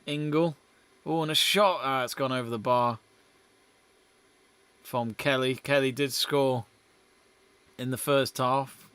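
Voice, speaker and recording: Young man, football watch-along host, casual chatty commentary, reads out viewer messages, smooth clear voice, dry close sound. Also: medium pitch, fairly even intonation, slow, long pauses, fairly bright tone, no echo.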